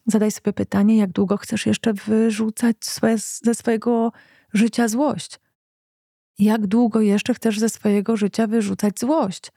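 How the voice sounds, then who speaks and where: Woman, mellow dry voice, calm reflective educational speaker who questions her listeners. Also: medium pitch, creaky, no room sound. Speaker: psychology speaker.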